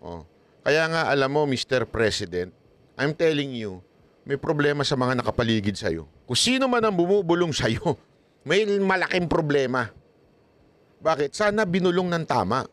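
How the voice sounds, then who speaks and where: A man talking as a guest on a political podcast, animated and scolding, often laughing as he speaks. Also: on the high side, moderate pace, dry recording. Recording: noisy recording.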